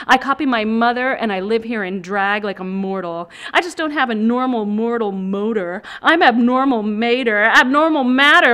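Woman poet, fairly high voice, rhythmic incantatory poetry reading. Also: fairly bright tone.

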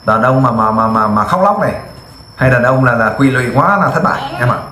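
A man's voice: medium pitch, animated, brisk, pushed and bright, echoey room. A man in the field interviewing a family, asking direct, coaxing questions. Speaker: volunteer interviewer.

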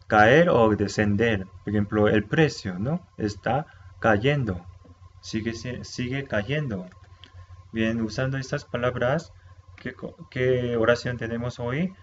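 Guy teaching vocab, repeats everything, keeps asking "right?", kinda dull lo-fi audio. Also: medium pitch. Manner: patient, repeats words slowly, checks in with "¿sí?". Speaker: Korean language teacher. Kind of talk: explaining vocabulary to a video audience. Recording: slightly dull sound with faint noise.

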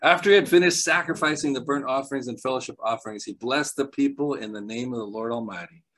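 A man preaching a sermon, telling stories with bursts of excitement, laughter and quieter asides. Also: medium pitch, fast talker, poor audio. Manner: animated storyteller, laughs often, jumps between loud excitement and quiet asides.

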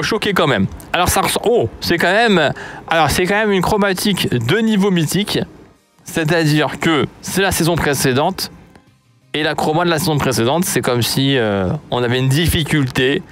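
Casting note: French male gaming YouTuber, fairly high voice, excitable and mock-outraged, light music under his desk-mic commentary. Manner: animated, exclaiming, mock-outraged. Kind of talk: pack opening commentary.

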